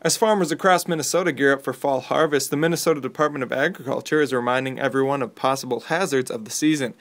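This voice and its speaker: Local radio newsreader: American male, middle-pitched voice, scripted bulletin delivery. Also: quick pace. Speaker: local radio news reader. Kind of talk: scripted local news reading.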